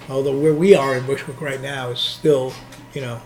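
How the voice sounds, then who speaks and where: A man's voice: medium pitch, fairly even intonation, normal speed, a little mellow. A middle-aged or older man with a New York Queens accent, chatting casually as a guest and often repeating words as he goes. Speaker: interview guest, nightlife veteran. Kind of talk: casual chat. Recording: roomy echo, clearly noisy ambience.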